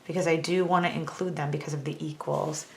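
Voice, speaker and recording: A woman's voice: low voice, steady tone, fairly quick, vocal fry, a little mellow, slight background noise. A woman teaching a math lesson, talking through each step on a calculator in a chatty, self-teasing way.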